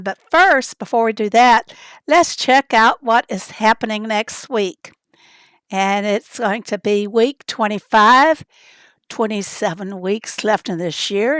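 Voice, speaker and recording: Chatting loosely through her livestream, the host greets viewers from the chat in a rambling manner. Her voice is raspy, hoarse from a summer cold, and a little high. The sound is dry, without room echo.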